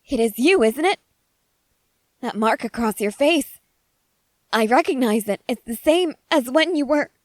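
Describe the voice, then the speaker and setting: In an ASMR roleplay, a woman plays an eager, excitable scientist soldier fascinated by creatures, speaking earnestly and emphatically to the listener with a sense of startled realization. Her voice is high and a little slow, with long pauses, in a dry recording.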